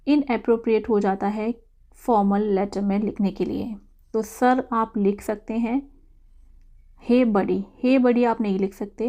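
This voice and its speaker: Going over answers to an exam quiz, this female English teacher reads out each question in English at a slow pace, then gives the explanation in Hindi. She sounds mellow and slightly high-pitched.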